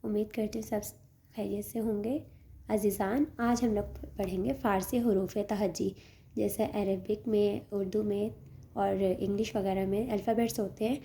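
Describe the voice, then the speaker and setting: A woman teaching a lesson, speaking patiently, slowing down to sound out each word and often checking with "okay". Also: mid-range voice, mellow, slight background noise. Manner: patient, slows to spell out each word, often adds "theek hai". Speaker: language teacher. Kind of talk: teaching a Persian alphabet lesson.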